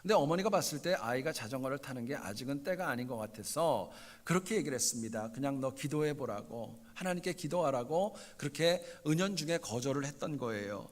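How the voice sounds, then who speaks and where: A man's voice: mid-range voice, lively intonation, quick pace, hardly any pauses, big-room sound. A male pastor preaching a sermon in a church sanctuary, earnestly addressing the congregation and repeating his key phrases for emphasis.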